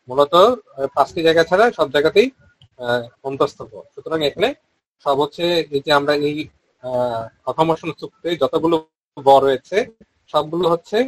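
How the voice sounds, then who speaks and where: Bengali-accented male teacher, fairly high voice, chants syllables slowly and steadily, dry close sound. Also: no echo, rough recording. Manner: explains quickly, then chants syllables slowly and drawn out. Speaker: Vedic recitation teacher. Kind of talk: online pronunciation lesson.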